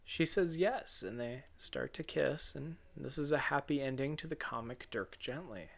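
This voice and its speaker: In a raw, unedited take, a man reads his own video essay script at an ordinary mid-range pitch. He sounds animated, gravelly and fairly bright, moving at a moderate pace. His manner is casual and wry, with the occasional swear, and when he flubs a line he just starts it over.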